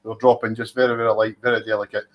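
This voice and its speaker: A man's voice: lowish voice, little pitch movement, racing, muffled recording. Chatty Scottish man hosting a tasting. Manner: chatty, teasing, restarts, savours the words. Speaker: whisky tasting host. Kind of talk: casual tasting commentary.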